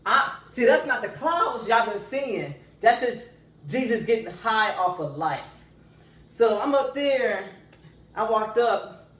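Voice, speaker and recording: A man's voice: sits high, takes it slowly. A young man telling a comic story, acting out the voices of the people in it. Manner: animated, acts out characters' voices. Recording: echoey room, from a distance.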